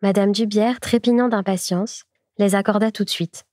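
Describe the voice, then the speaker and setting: A woman reads a classic short story aloud as an audiobook. Her narration is even and clear, her tone dark and mellow. The sound is dry and close. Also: medium pitch, moderate pace, no echo. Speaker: audiobook reader. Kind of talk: scripted literary narration.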